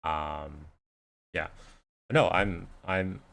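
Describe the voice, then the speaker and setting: A man's low, creaky voice has a fairly bright tone, fairly even intonation, and drawn-out words. A first-language Cantonese speaker, he hosts a casual investing livestream Q&A, rambling with many fillers and restarts.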